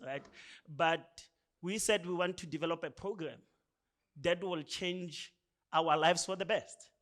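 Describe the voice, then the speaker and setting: A man's voice: a little high, fairly bright tone. South African man giving a chatty speech. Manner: conversational, often tags lines with "right?". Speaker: speaker. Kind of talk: speech at a programme launch.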